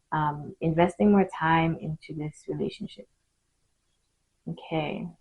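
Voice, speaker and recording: Woman, mystical tarot card reading, husky voice, halting short phrases addressed to viewer, dull lo-fi recording. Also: on the low side.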